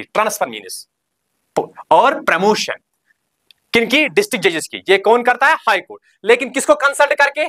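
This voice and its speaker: A man giving a recorded exam coaching lecture. He asks his students short questions and answers them himself, reads key terms out slowly and repeats them, and keeps telling the class to remember. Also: sits high, fairly bright tone.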